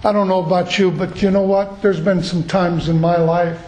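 High-voiced preacher in an echoey church. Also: male voice, fairly even intonation, moderate pace, darkish tone. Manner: earnest, storytelling. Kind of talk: sermon.

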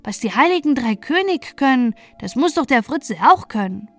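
Brief: a high, chirpy little peasant boy, cheeky and boastful, as a woman storyteller puts him on. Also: very animated, moderate pace, soft background music. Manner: chirpy boastful dialect chatter.

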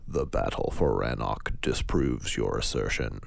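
A huge robotic alien machine that speaks in a cold, flat monotone with no rise or fall. The voice sits extremely low and grinds with heavy gravel. Each word comes slow and deliberate, recorded close and dry. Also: male voice, no room sound, full character voice. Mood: ominous. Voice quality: deep gravelly monotone without inflection. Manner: slow, flat, ominous pronouncements.

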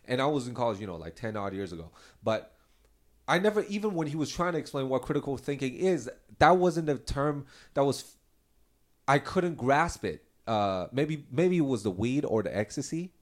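A man's voice: mid-range voice, sing-song, moderate pace. A man in his thirties talking candidly in a casual personal monologue, rambling and restarting his sentences, with light laughs at his own remarks. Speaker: host.

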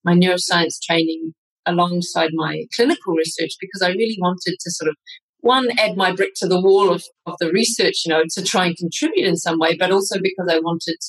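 A woman, a neuroscientist guest on an interview, talking in an animated, chatty way. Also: on the low side, brisk, breathy edge, rough recording. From New Zealand. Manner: animated, chatty, many fillers and restarts. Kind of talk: conversational interview.

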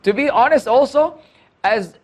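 A man's voice: very high-pitched, expressive, a little slow. A man in his forties talking candidly and self-deprecatingly as a guest in a casual podcast conversation, with frequent restarts. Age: 40s. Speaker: podcast guest, Islamic preacher.

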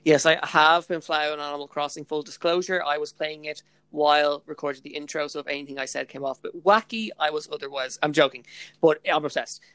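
A young Irish woman co-hosts a casual podcast chat, bubbly and gushing, sprinkling in "like" and "literally" constantly. Her deep voice is steady and fast with a fairly bright tone and no echo.

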